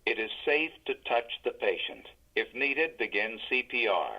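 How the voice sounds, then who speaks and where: A man voicing a defibrillator prompt, giving calm, impersonal step-by-step instructions as the machine. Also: mid-range voice, unhurried, breathy edge, exaggerated voice. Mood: calm, instructive. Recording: dull, lo-fi device audio.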